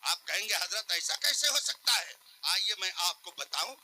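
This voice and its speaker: High, bright-voiced preacher building to shouts. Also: male voice, very animated, husky, low-quality recording. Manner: swings from soft teaching to loud shouted climaxes; recites Quranic phrases slowly and drawn out. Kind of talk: Islamic sermon at a public gathering.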